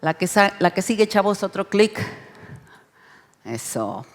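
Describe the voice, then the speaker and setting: A woman with a Mexican accent leading an interactive Bible study lesson, expressive and urging the group to read along. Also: mid-range voice, a little slow. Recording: reverberant hall sound.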